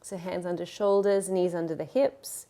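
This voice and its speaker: A woman with a slightly low voice talks a class through a yoga practice. Her cues are gentle and encouraging, and she paces them around the breath without hurrying. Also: steady tone. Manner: gentle, encouraging, unhurried cueing of breath and movement. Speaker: yoga teacher. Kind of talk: guided yoga class instruction.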